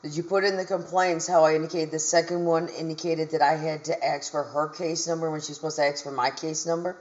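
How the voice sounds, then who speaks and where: A woman's voice: low-pitched, level tone, brisk, a little mellow. A woman on a phone call who rambles, spells words out as letters and repeats her complaints. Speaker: caller. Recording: lo-fi phone line.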